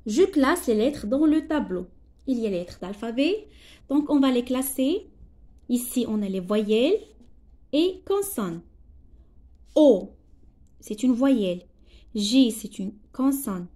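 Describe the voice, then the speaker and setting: A woman teacher with a Moroccan accent, slowly explaining a primary school lesson, spelling out letters and translating words as she goes. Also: fairly high pitch, animated, warm tone.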